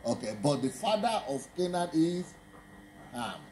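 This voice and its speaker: Male pastor, deliberate and slow, drills his congregation with pointed questions. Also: a little high, sing-song, darkish tone, a little hiss or hum. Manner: quizzing, emphatic, laughs when making a point. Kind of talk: teaching sermon.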